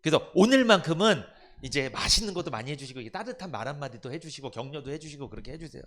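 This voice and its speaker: A man's voice: on the high side, expressive, very fast, crowd noise. A man pastor preaching a sermon in church, asking the congregation rhetorical questions and acting out family members' voices. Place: church sanctuary.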